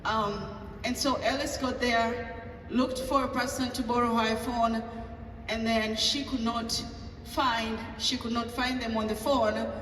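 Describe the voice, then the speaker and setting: A woman pastor with a Tanzanian accent and a fairly high voice tells a personal story at a table talk. She acts out the dialogue and pauses on fillers. She is heard from a distance in a long, echoing hall with faint ambient noise. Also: steady tone, fairly bright tone.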